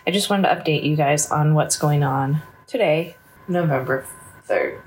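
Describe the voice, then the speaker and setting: A woman records a candid, chatty video diary, slightly stuffy from a cold coming on. Her voice sits a bit low, and faint background noise hums behind her. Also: normal speed, darkish tone. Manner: candid and chatty, many fillers. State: a little congested. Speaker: vlogger.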